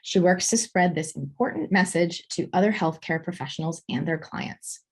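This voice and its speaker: A woman hosting a webinar, reading a formal, measured introduction of the speaker. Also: lowish voice, husky. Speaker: webinar host.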